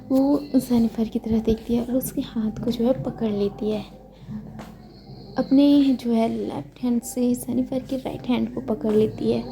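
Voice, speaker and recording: Chatty woman storyteller, fairly high voice. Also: background noise. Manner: chatty, frequent self-corrections. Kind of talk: casual story narration.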